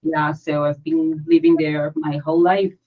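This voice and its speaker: A woman's voice: low-pitched, level tone, a little slow. A woman from Brazil, with a Brazilian Portuguese accent, speaking as a guest in a casual interview, earnest and chatty, sometimes searching for words. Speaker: guest, founder of a pagan community. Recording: dull lo-fi audio.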